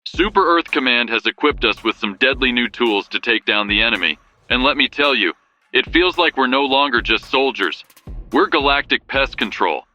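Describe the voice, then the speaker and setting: A man's voice: medium pitch, bright, forceful tone, highs cut off. A man playing a military news anchor, delivering a scripted wartime broadcast in a grave, rallying manner. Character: rousing male military war-bulletin anchor in sci-fi world. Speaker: bulletin host. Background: prominent background music.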